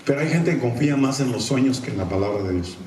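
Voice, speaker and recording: A male evangelist preaching a sermon with emphatic, animated delivery, shouting key words and acting out quoted voices with humor. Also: mid-range voice, quick pace. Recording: echoey room, voice from a distance.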